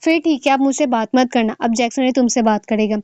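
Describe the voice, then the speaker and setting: A woman voicing a playful, cheeky young man who teases in a lively way. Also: on the high side, a little fast, no echo, dull audio, lightly acted. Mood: teasing. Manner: teasing, lively.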